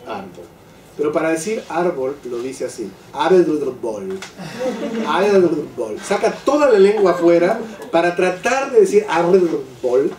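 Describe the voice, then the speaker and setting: Older man, Torah teacher, mellow tone, slows to stress points, distant mic, echoey room, faint background noise. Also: sits high, very animated. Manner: keeps asking "¿sí?" to his listeners; slows down to stress key phrases. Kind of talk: religious class lecture. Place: classroom or hall with a live group.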